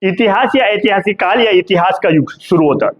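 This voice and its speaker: A man's voice: high-pitched, a little fast, highs cut off. A middle-aged male history professor from India giving a classroom lecture, who asks the students questions and answers them himself, calling them "beta" and tagging "hai na" onto his sentences. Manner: calls students "beta" and keeps adding "hai na".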